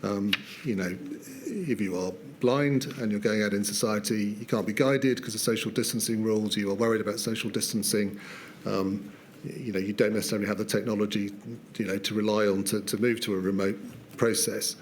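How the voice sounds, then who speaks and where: A man's voice: lowish voice, fairly even intonation, a little fast, slight background noise. A British man giving formal testimony at a public inquiry, hesitant, with many fillers and restarts.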